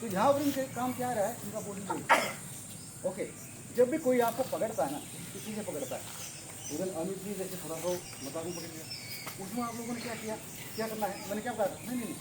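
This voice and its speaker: Male self-defense trainer, commanding, repeats short cues, outdoors with clear background noise. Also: sits high, fast talker. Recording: noisy outdoor recording.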